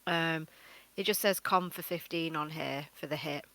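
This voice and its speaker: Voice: mid-range voice, normal speed, pushed and bright, no echo. A player at a tabletop game, hesitant and full of ums while reading rules aloud. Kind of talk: casual tabletop game chat.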